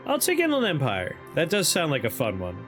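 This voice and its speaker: Male streamer, lively intonation, casual game commentary, reading choices aloud, faint music behind. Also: on the high side, brisk. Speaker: livestreamer.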